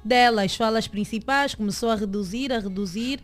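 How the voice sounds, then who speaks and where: A woman radio host putting formal, measured questions to her guest. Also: on the high side, soft background music. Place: radio studio.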